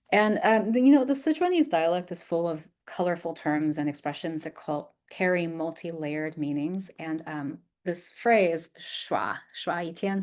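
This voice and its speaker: A woman with a somewhat low voice delivers an academic lecture as a researcher. She speaks thoughtfully, pausing on ums and restarting phrases as she works through her ideas. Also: a little mellow. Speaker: researcher giving a talk.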